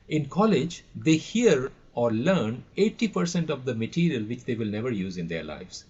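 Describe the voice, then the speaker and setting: This guest trainer for audio and radio, a middle-aged or older man with an Indian accent, responds to podcast questions with anecdotes and emphatic repeated phrases. His fairly low voice has vocal fry, a darkish tone and a breathy edge, captured on dull, lo-fi call audio.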